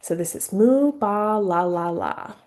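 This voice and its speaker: Woman educator, picture book read-aloud for toddlers, sing-song, playful pitch leaps, webcam. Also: lively intonation, slow pace, a little mellow. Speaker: early childhood educator. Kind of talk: demonstrating reading aloud to toddlers. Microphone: webcam on a video call.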